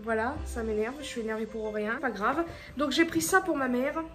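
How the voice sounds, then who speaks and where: A woman's voice: on the high side, normal speed. Chatty woman vlogging over faint music. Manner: chatty and rambling, stumbles over words. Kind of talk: casual vlog chat. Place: at home indoors.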